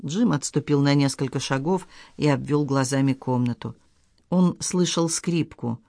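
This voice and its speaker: A man reading a dramatic novel aloud as audiobook narrator, in a measured storytelling delivery. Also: medium pitch, creaky, a little mellow, no echo, clean studio sound. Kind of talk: scripted narration.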